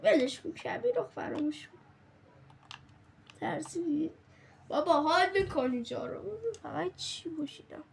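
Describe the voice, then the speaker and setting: A woman gaming streamer in casual let's-play commentary, excitable and jokey, often crying out, laughing and dropping into hushed whispers. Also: high voice, creaky, pauses often, a little hiss or hum.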